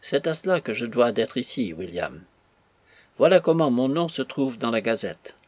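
A man voicing a ruined, furious old merchant in an audiobook, ranting bitterly with a husky voice. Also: mid-range voice, lively intonation, moderate pace, a little mellow, dry recording, lightly acted. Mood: angry. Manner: ranting, bitter, raising his voice. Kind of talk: audiobook character voice.

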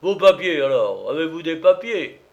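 Man doing a blustering gendarme, loud, pompous, bullying, storybook reading. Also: fairly high pitch, big pitch swings, normal speed, gravelly, highs cut off, voice pushed up.

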